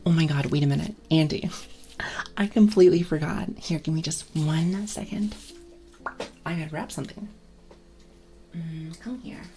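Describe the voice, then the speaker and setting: A woman with a low voice and a noticeable creak chats on an ASMR stream as if right in your ear. She speaks softly and playfully, often dropping into a whisper. The close microphone also carries clear background noise. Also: moderate pace, long pauses. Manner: playful, gently silly. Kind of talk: ASMR, casual chat with stream viewers.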